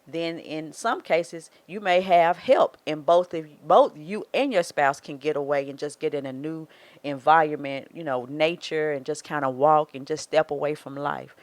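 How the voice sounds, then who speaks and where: A woman's voice: sits low, normal speed, no echo. Southern woman, 40s, marriage coach, earnest and advising, dry close mic. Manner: earnest, advising, acts out quoted thoughts. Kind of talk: casual faith-based podcast talk.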